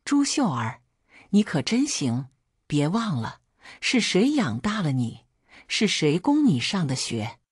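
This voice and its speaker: A woman's voice: lowish voice, sing-song, slow pace, husky, no room sound, clean studio sound, full character voice. A woman voicing a sneering older brother. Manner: sneering, mocking.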